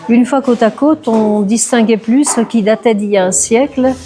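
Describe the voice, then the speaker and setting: A woman with a mellow, warm tone and a fairly high voice tells the story behind her art in a fluent, reflective way. She speaks at an easy pace during a gallery interview. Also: normal speed, soft background music. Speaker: artist. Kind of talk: interview at an exhibition.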